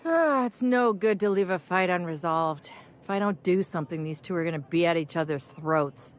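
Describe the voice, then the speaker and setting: A woman's voice: lowish voice, expressive, normal speed, close to an everyday voice. An actress playing a firm, weary woman bar owner keeping peace in a video game. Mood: earnest.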